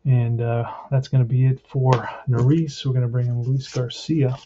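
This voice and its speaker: A man with a mellow, mid-pitched voice talks through a tabletop baseball game. He gives casual play-by-play and thinks aloud. The recording is a little dull, with faint noise. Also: flat delivery, moderate pace. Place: indoors at a tabletop. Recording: muffled lo-fi, faint noise with clicks.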